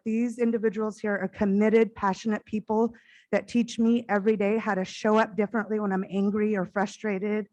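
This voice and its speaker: In a low-quality recording of a conference keynote, a middle-aged woman speaks at a stage mic with an ordinary female pitch and a naturally loud, well-carrying voice. Her tone is sincere and heartfelt, and at times she hurries forward in rapid bursts.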